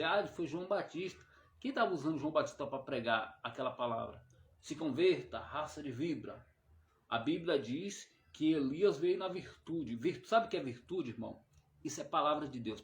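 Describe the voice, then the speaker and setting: A man with a Brazilian Portuguese accent preaching a fiery sermon as an evangelist. He talks emphatically, rising loud on key words and then dropping soft on the little "my brother" tags. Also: a little high. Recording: roomy echoey sound.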